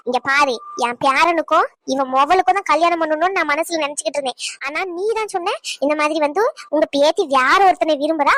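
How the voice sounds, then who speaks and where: A woman voicing a proud, sharp-tongued old grandmother in a cartoon, scolding with needling questions. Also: high voice, no room sound. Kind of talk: cartoon voice acting.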